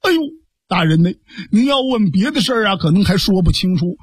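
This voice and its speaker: A fawning captured informer from an old storytelling tale, played by a male storyteller, eager to tell all he knows. The husky voice runs high, close and dry. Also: animated, fairly quick, no room sound.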